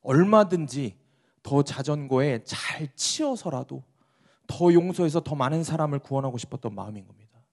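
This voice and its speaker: A man preaching a sermon as a pastor, telling a story dramatically and swinging between loud and hushed delivery. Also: a little high, lively intonation, moderate pace.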